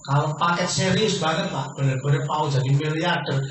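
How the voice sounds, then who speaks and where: A man giving a persuasive business sales pitch to a seminar audience, asking questions and answering them himself. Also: normal speed, fairly bright tone. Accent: Indonesian. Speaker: business presenter. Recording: echoey room from far off, faint noise.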